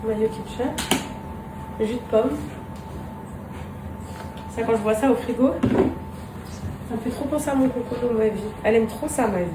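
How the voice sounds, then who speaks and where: A vlogger speaks informally to her camera from her home kitchen, confiding warmly in her audience, calling them pets, and addressing her kids with gentle tenderness. She talks at a measured pace with frequent pauses, her somewhat high voice distant and roomy, while household sounds come through clearly.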